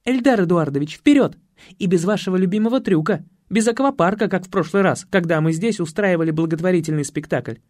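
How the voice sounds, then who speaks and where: A man voicing a flighty, fussy woman organizer with a high, chirpy voice. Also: fairly quick, a little mellow, dry recording, clean studio sound, close to an everyday voice. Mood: bossy.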